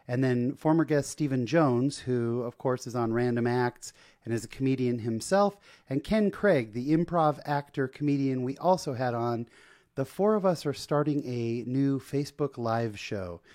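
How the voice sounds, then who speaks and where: A man in his own podcast studio, hosting an interview with lively enthusiasm and a chatty flow. His voice sits at an ordinary middle pitch, and he leans on easy fillers as he talks. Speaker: podcast host.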